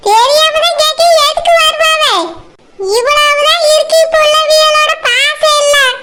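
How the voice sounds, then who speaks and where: A woman voicing a sharp-tongued old village grandmother with a Kanyakumari Tamil accent, nagging and scolding. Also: very high voice, fairly even intonation, unhurried. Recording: loud background noise.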